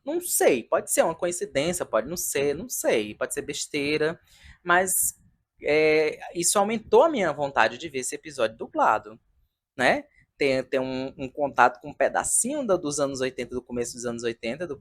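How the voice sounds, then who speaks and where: Lively, chatty man in his thirties. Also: mid-range voice. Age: 30s. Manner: chatty, animated, sentimental. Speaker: video reviewer of a comedy show. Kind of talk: casual review vlog. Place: home room in front of a decorated wall.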